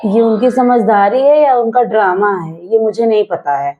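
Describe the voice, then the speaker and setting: A woman's voice: mid-range voice, moderate pace, soft background music. A woman playing a sulky, sarcastic wife in a scripted family comedy skit. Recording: dull lo-fi home video sound.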